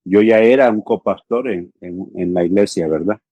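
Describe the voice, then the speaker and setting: A Salvadoran man in his fifties, a pastor and theological education coordinator, speaks earnestly in an interview, regularly dropping fillers like "¿sí?" and "ujú". His voice is low and dark with a breathy edge, at normal speed. There's no room sound, and the highs are cut off.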